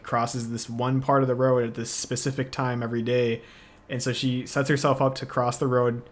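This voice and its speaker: A man co-hosting a podcast, chatting casually about movies, relaxed and quick to laugh. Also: medium pitch. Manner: relaxed, laughs often, lots of fillers. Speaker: podcast co-host. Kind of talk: casual movie review chat.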